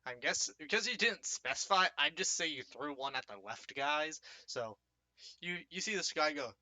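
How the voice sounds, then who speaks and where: A man's voice: on the high side, lively intonation, moderate pace, sharp tone, no echo. A young man narrating a tabletop game as game master, hesitant, with many fillers and restarts.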